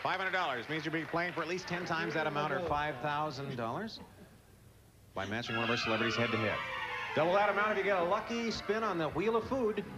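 A man's voice: on the high side, loud music behind the voice. Game show host man on old VHS tape. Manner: brisk, rapid-fire reading of clues. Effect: old VHS tape recording. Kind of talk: upbeat game show hosting. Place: TV studio with live audience.

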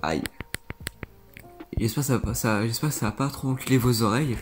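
A man's voice: mid-range voice, fairly quick. A young man with a mid-range voice rambles through casual reaction commentary on gaming clips, circling back to repeat his points. He talks loosely, leaning on fillers, with faint music playing behind him. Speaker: gaming YouTuber reviewing viewer clips.

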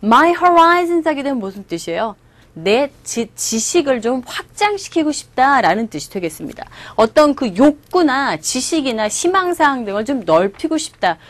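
A woman gives an online English lesson, modelling words again and again and firing questions at her students. Her voice sits a little high and swings widely, close and dry. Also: very animated, moderate pace, dry recording. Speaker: English teacher. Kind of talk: online lecture.

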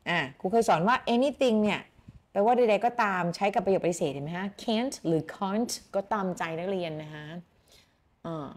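A Thai woman teaching an English lesson to students on a live stream. She reads a story aloud in English with a Thai accent and explains it in Thai, repeating words slowly for students to type and say. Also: medium pitch, animated.

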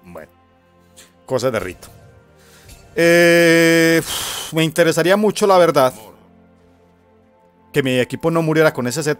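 A Colombian man narrating his own match in a loose, cursing, chatty way, muttering at the enemy and at himself. His voice sits a little high for a man. Soft music plays faintly underneath. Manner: casual, profane, talks to himself and his opponent. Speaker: gamer. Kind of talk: gameplay commentary.

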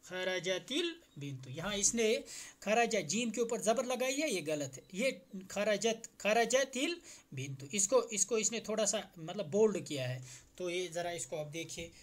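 A man from India teaching Arabic grammar in Hindi-Urdu, saying Arabic phrases slowly and repeating them before translating, often asking the class a question before he answers it. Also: high voice, animated.

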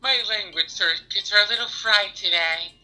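A man's voice: sits high, soft background music, voice pushed up, rough recording. A man doing a robot-voiced female director. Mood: stiff. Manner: deliberate monotone robot voice. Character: robotic-sounding female company director, stiff and formal. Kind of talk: voice acting a game playthrough.

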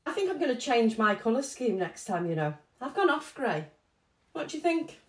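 Actress as a middle-aged fussing mother, lively high voice, roomy video-call sound. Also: moderate pace. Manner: chatty, fussing, homely. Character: fussy, doting middle-aged mum. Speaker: mother of the bride. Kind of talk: comedy short film acting.

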